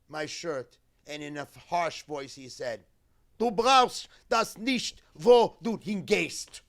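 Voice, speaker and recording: A male cantor with a fairly high voice delivers a keynote at a memorial gathering. Speaking in short, measured, deliberate phrases, he retells a survivor's story in the first person.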